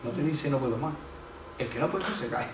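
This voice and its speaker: A man's voice: medium pitch, fairly quick, background noise, close to an everyday voice. A man voicing a stern, blunt army sergeant. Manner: blunt, barking orders. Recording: echoey room from a distant mic.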